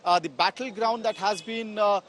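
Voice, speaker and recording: A man with an Indian accent giving a live on-location news report as a field reporter, emphatic, wordy and halting in delivery. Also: high voice, a bit bright. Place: outdoors in a town, near a temple. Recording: street noise, outdoor traffic ambience.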